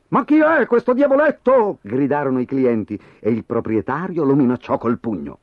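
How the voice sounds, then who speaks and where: A man reading a children's story aloud as narrator, in a playful, expressive way. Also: background noise. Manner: very animated, playful reading with sudden pitch swings. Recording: dry, tinny phone-like sound with faint music.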